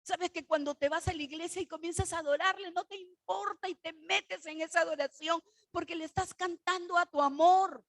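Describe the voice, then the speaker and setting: A woman preaching a sermon, telling a personal testimony with dramatic swings between soft and loud. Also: extremely high pitch, steady tone, a little fast, no room sound. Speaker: pastor's wife preaching.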